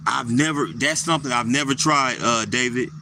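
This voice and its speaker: A man casually talking to his live chat viewers, relaxed and repetitive, answering people by name. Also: mid-range voice, moderate pace, creaky, a little hiss or hum. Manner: laid-back, repeats himself, answers viewers by name.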